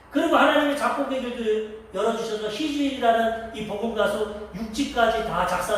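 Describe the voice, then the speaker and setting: High-voiced man preaching in an echoey hall. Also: a little hiss or hum. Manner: storytelling, acting out quoted dialogue. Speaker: pastor. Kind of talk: sermon. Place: church sanctuary. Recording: echoey church hall from a distance.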